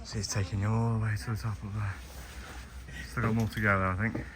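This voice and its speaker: The host here is a young man with a lowish voice, speaking fast with a flat delivery. He's out in a lakeside village with street noise around him, making a casual travel vlog and chatting with his walking companion, whom he peppers with questions.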